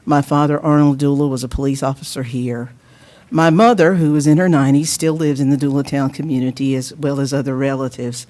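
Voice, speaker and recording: An older woman from North Carolina giving an earnest, measured public comment at a council hearing, with a little wry humor. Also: a bass voice, fairly even intonation, warm tone. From Lenoir, North Carolina. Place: city council chambers.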